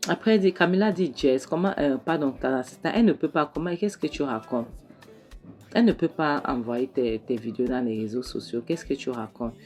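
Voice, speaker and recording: A woman's voice: rumbling low, a little fast, a little mellow. A woman retelling a film's scenes in a casual recap, quoting the characters' lines with many restarts and repeated words. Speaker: film recap narrator. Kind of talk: casual movie recap storytelling. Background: faint background music.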